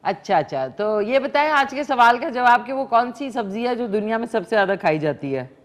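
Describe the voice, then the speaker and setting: A woman's voice: fairly high pitch, lively intonation, brisk. A woman with a Pakistani Urdu accent hosting a live morning call-in show, chatty and slipping English phrases into her talk. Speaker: morning show host taking calls.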